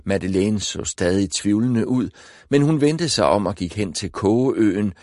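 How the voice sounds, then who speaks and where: A man narrating an audiobook in a measured, even storytelling manner on a close mic. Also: on the low side, no room sound. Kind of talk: scripted narration.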